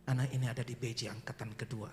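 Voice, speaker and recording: A middle-aged male pastor preaching in a church. He tells a personal testimony with deep emotion and keeps calling out to the congregation. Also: level tone, fast, a little hiss or hum. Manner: emotional, earnest storytelling that addresses the congregation directly. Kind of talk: sermon testimony.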